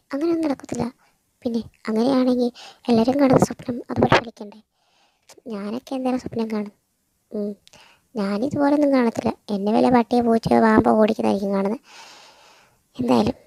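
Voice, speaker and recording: A woman's voice: sits high, vocal fry, background noise. A woman voicing a young woman who chides and reassures her friend in colloquial Malayalam. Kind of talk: audio story role-play.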